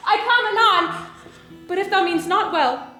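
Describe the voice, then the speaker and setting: A woman's voice: very high voice, expressive, measured pace, bright, forceful tone, roomy sound, soft background music, full character voice. A woman playing a lovestruck, playful, eager young maiden in theatrical Shakespearean verse. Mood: flustered, eager. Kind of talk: theatrical Shakespearean stage acting.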